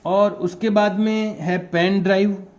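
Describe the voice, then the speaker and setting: Man, teacher, Rajasthani Hindi accent, classroom lesson, dark mellow tone, spells words letter by letter. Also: high-pitched, fairly even intonation, takes it slowly. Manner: explains patiently and repeats terms. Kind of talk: classroom lesson for young pupils.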